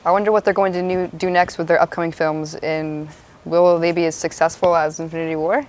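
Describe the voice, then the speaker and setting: A woman's voice: on the low side, flat delivery, fairly quick, darkish tone. A young woman reading scripted news as an anchor on a student mock newscast.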